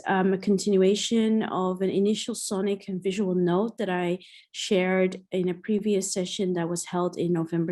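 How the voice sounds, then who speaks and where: A woman's voice: medium pitch, mellow. A woman researcher from the Somali diaspora, raised in the Netherlands, giving an online talk partly read from notes, speaking hesitantly with many fillers. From Somali diaspora, born in Egypt, raised in the Netherlands. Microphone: video call.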